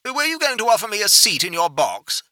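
A man's voice: high voice, very animated, brisk, pushed and bright, no room sound, voice pushed up, full character voice. A man doing a drily teasing aristocratic lord. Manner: drily ironic.

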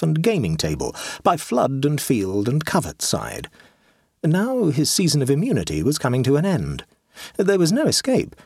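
A man reads a short story aloud for an audiobook at a measured, expressive pace. His voice is husky and breathy, and it moves through a very wide pitch range, recorded close and dry. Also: dry recording. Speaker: audiobook reader. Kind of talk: scripted narration.

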